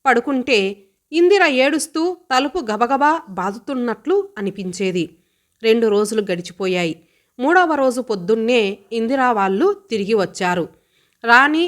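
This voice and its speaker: A woman narrating a magazine story as an audiobook in a steady, expressive reading voice. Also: on the high side, measured pace.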